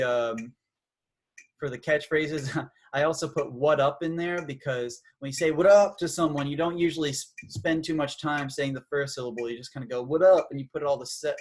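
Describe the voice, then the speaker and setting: A man's voice: medium pitch, brisk. A man giving a casual, slightly awkward music lesson who counts beats aloud as he explains. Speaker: music teacher.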